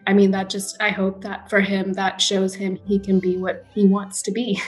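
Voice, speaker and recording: A woman's voice: medium pitch, monotone, moderate pace, music in the background. A woman in her thirties speaking earnestly in an interview, conversational with small restarts, recorded at home on a close webcam. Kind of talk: reflective interview. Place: home room indoors.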